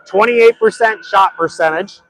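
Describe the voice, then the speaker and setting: A middle-aged man gives casual, joking color commentary on a hockey game. His voice sits notably high for a man, and he talks with a stats-minded, chatty manner. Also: unhurried, a bit bright, soft background music.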